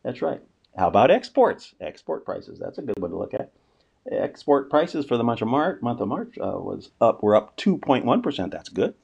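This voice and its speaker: A man's voice: medium pitch, very animated, moderate pace, vocal fry, a little mellow, slightly rough, highs cut off. A man giving a casual, unscripted economic commentary, asking rhetorical questions and often restarting his sentences. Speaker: finance commentator.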